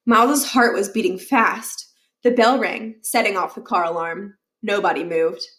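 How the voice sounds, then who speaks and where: Reading aloud from a children's novel, this woman is an expressive storybook narrator. She speaks at a moderate pace in a mid-range voice.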